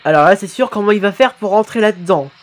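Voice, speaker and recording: A man's voice: high voice, fast. Guy reacting to fan videos, keeps blurting out exclamations, swears a lot, pretty hyped. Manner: excitable, punctuates with exclamations and swearing. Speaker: YouTuber reacting to fan animations. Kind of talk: live reaction commentary.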